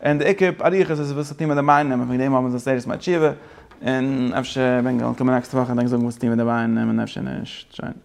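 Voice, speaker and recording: A man's voice: mid-range voice, steady tone, fast, gravelly, a little mellow. A man teaching a Torah class, switching between English phrases and his main language, with frequent restarts.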